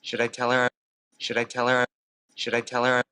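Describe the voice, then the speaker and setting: An actor speaking a man's line in a film scene, with a very flat, even delivery. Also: mid-range voice, normal speed, smooth, dry recording, close to an everyday voice. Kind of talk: film dialogue clip.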